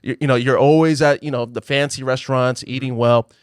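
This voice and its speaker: A man's voice: medium pitch, steady tone, brisk, smooth, no room sound, clean studio sound. A man hosting a podcast, asking questions casually and prompting the guest with short affirmations. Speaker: podcast host. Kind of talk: casual interview.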